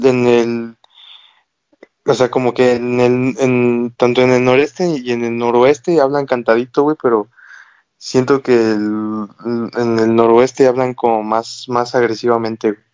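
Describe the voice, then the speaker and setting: A man's voice: mid-range voice, fairly even intonation, measured pace, darkish tone, clear, resonant tone, no room sound. A young man from Mexico City chatting in a laid-back way with crude slang as a podcast co-host. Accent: Mexico City Spanish. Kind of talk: casual chat.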